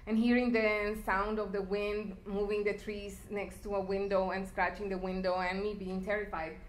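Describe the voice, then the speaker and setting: A woman's voice: mid-range voice, level tone, normal speed, slight background noise. A woman from El Salvador giving a public talk about her art installations, speaking reflectively with fillers and restarts. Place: lecture hall. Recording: echoey lecture hall.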